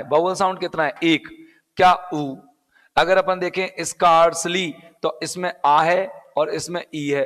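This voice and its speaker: Man, Rajasthani Hindi accent, English teacher, live class, higher voice, reverberant room. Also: fairly bright tone. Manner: explains step by step, repeats key words, asks and answers own questions. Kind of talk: live online exam-prep class.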